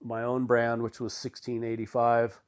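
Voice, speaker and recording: Smooth-voiced man telling laid-back stories. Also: mid-range voice, completely flat delivery, normal speed. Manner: rambling, laid-back, with fillers and swearing. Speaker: guest. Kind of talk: casual storytelling.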